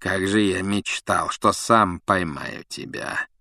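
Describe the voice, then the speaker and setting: A man voicing a cruel, vengeful male professor who hisses threats and shouts in rage. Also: sits low, fairly even intonation, slow pace, no echo, clean studio sound, heavily acted. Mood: gloating hush. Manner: hissing menace turning to shouting rage.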